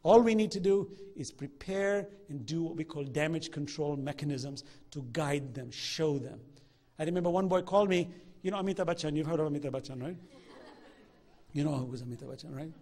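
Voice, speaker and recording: A middle-aged man teaching a religious class, telling stories in a lively way and acting out what people said. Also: on the high side, a little fast. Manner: animated storyteller acting out quoted dialogue. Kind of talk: lecture with anecdotes.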